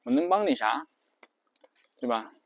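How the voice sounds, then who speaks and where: A man hosting an English lesson podcast, explaining patiently and repeating example phrases slowly. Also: mid-range voice, creaky, no room sound. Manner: drills English phrases aloud. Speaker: English teacher and podcast host. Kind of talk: spoken lesson on English rhythm.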